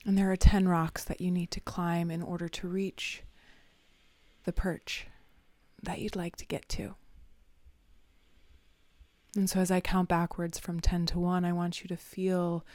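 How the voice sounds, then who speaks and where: A woman guiding a visualization meditation in a soft, half-whispered, soothing voice with long pauses. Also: on the low side, level tone, no room sound. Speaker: meditation guide.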